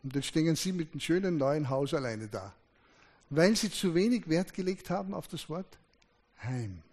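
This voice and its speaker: A man's voice: fairly high pitch, animated, moderate pace, a little mellow. A man preaching a sermon, emphatic, his voice rising and dropping sharply to stress his points. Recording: long hall reverb.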